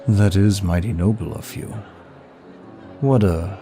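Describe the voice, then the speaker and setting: Over music, a man voices a suave, seductive demon of lust in an intimate ASMR-style roleplay, speaking one side of a dialogue. In a low, smooth voice he flatters the listener unhurriedly, formal and flirtatious, sounding charming and admiring.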